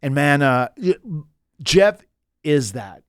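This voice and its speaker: Animated storytelling man in his fifties. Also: fairly high pitch, slow pace, clear, resonant tone, dry recording, studio quality. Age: 50s. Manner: animated, lots of restarts and fillers. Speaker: guest, pro wrestler. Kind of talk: casual interview storytelling.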